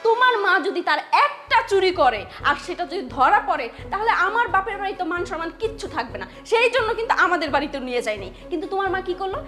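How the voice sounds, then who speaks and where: A woman playing a shrill scheming young wife. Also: sing-song, fast, few pauses, bright, forceful tone, reverberant, soft background music, full character voice. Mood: indignant. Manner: shrill, accusing, threatening to leave. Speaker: elder daughter-in-law. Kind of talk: village TV drama acting.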